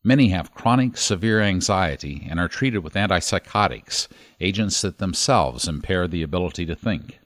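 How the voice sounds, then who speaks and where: A man hosting a podcast, narrating a story in a measured, scripted delivery. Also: sits low, animated, a bit bright, no echo, studio quality. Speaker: podcast host.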